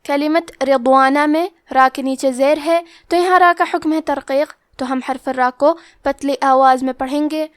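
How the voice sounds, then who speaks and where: A woman teaching Quran recitation rules step by step, explaining each letter and then reciting the word slowly. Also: high-pitched, steady tone, no room sound, studio quality. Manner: methodical, step-by-step explanation with drawn-out recited words.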